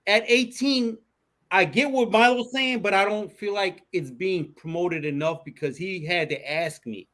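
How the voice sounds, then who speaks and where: A podcast co-host with a high-sitting voice and measured pace talks politics with friends on a casual show. He's animated, swears freely and keeps restarting his sentences.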